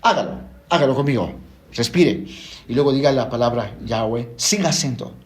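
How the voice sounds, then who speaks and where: A man teaching the Bible slowly and deliberately, explaining word by word. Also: medium pitch, lively intonation, reverberant, slight background noise.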